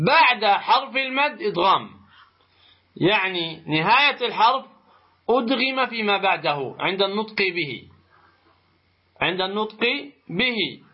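A man teaching a tajweed lesson, explaining slowly and deliberately, pausing to pose rhetorical questions to his students. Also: high-pitched, animated, breathy edge. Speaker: Quran recitation teacher. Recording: muffled lo-fi recording.

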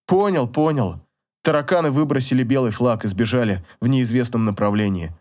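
A man's voice: mid-range voice, a little fast, a little mellow, pitched below the performer's own voice, close to an everyday voice. A man reading aloud and voicing a sulky young husband who grumbles and jokes wryly. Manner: grumbling, wry.

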